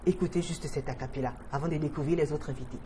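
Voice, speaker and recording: A woman from Cameroon, hosting a studio talk show with expressive, emphatic delivery. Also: low voice, fast talker, background noise. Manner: expressive, emphatic presenting with lively swings.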